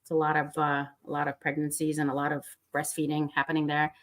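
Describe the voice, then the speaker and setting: A woman's voice: low-pitched, completely flat delivery, fast talker. A woman in her forties, a comedian and guest, telling stories in a chatty, playful way with lots of fillers. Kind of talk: casual comedic storytelling.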